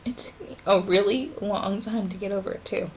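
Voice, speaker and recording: A woman in her twenties talking haltingly and emotionally in a personal vlog from her dorm room, with pauses and sighs. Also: mid-range voice, dull audio, slight background noise. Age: 20s. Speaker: vlogger.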